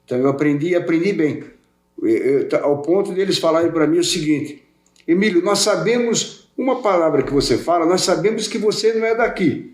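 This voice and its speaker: A fairly high, animated, brisk male voice belongs to an older welding specialist guesting on a podcast. Portuguese by birth and raised in Brazil, he rambles through casual interview chat, repeating words and restarting, with a roomy echo around him.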